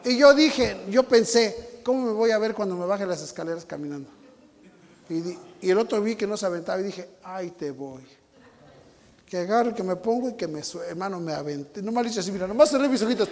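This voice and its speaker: A man with a Mexican Spanish accent preaching a sermon, telling a personal story with sound effects and building to shouted appeals. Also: high-pitched, expressive, fast, in a large hall.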